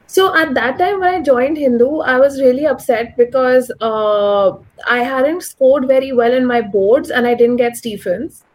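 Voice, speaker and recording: The interviewee is an economist, a woman of around thirty with a high-sitting voice who speaks a little slowly and rarely pauses. She carries a posh, educated urban Delhi Indian English accent. In conversation she is articulate and opinionated, using "like" and "you know" a lot.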